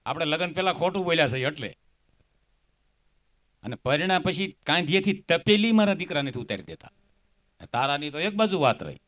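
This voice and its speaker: Male stage storyteller, lively swooping pitch, slightly high. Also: moderate pace, pauses often. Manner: animated, punchline-driven, quoting characters. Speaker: folk comedian and storyteller. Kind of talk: dayro stage comedy storytelling.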